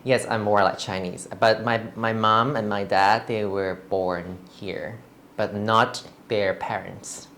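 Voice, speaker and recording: Slow, halting woman from Thailand. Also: extremely low pitch, fairly even intonation, a bit bright, a little hiss or hum. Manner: hesitant, halting, frequent restarts. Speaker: interview guest. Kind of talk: candid personal interview.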